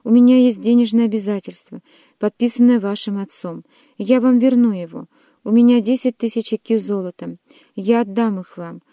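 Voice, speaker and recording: A woman's voice: medium pitch, normal speed, few pauses, dark tone, dry recording, clean studio sound, natural voice. A woman reading aloud and voicing an elderly father who frantically begs for his son's life. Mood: pleading. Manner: begging, frantic. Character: desperate elderly father pleading for son.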